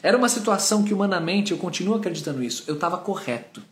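A man's voice: high-pitched, lively intonation, rapid-fire. A Brazilian man in his thirties preaching, telling a personal story with acted-out scenes and sound effects. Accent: Brazilian Portuguese. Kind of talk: storytelling sermon with a confession. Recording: roomy echo.

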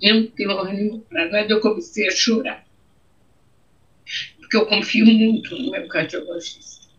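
Telling her own story in an interview, a middle-aged Brazilian-accented woman grows emotional and repeats herself. She speaks at a medium pitch with a steady, somewhat bright tone and a moderate pace, in a dull, muffled recording.

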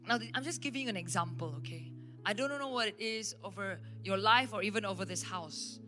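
In a medium-pitched voice that runs a little fast, a woman pastor with a Malaysian English accent preaches at church, telling stories with emphatic animation. Faint instrumental worship music sounds in the background.

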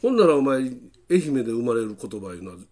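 A man with an Ehime accent from Shikoku, chatting casually and bantering, quick to object and argue his point. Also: mid-range voice, very animated, crowd noise. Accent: Ehime, Shikoku Japanese. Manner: argumentative, repeatedly objecting.

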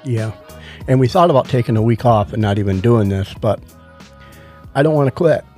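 A man's voice: mid-range voice, lively intonation, moderate pace, mellow, faint music behind. A middle-aged man with toothless, lisping speech, talking earnestly and casually as a podcast co-host giving a personal testimony. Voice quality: toothless, lisping speech after oral surgery.

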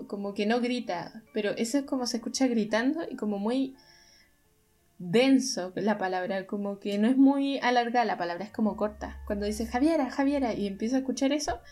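A woman's voice: fairly high pitch, a little mellow. A young woman with a Chilean Spanish accent, telling a story in casual, rambling chat full of fillers. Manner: rambling, chatty, many fillers. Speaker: podcast co-host telling stories.

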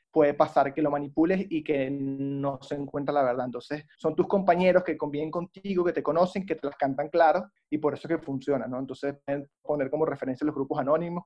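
A young man with a Venezuelan accent, telling his story as an interview guest, animated and peppered with ¿sabes? and ¿no?. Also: fairly high pitch, muffled recording. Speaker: guest recounting addiction recovery. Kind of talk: conversational interview.

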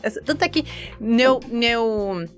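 A woman's voice: fairly high pitch, slow pace, soft background music. A young woman from Montes Claros, northern Minas Gerais, with a Mineiro Brazilian accent, telling a story in a chat and acting out what everyone said. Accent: Mineiro Brazilian Portuguese. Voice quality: animated, self-dramatizing, quotes others in lively voices. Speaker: guest.

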